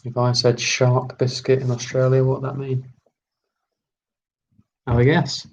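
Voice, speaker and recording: A man hosts a live online quiz at a leisurely pace. He reads every question deliberately and repeats each term several times. His voice sits at an ordinary middle pitch. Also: completely flat delivery, darkish tone, muffled recording. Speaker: quiz host.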